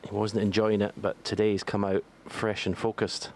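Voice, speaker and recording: A man's voice: lowish voice, little pitch movement, moderate pace. A man giving matter-of-fact analytical snooker commentary in short, sparse phrases. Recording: faint background noise.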